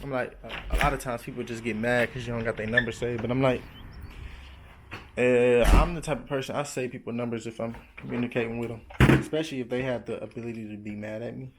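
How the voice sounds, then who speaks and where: A young man in his twenties chats on in a relaxed vlog monologue. His voice sits at an ordinary middle pitch. He drifts between laid-back slang and sudden excited jumps upward. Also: fast talker, heavy background noise. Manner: loose slangy talk with sudden excited high bursts. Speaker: vlogger. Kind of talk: casual rambling monologue.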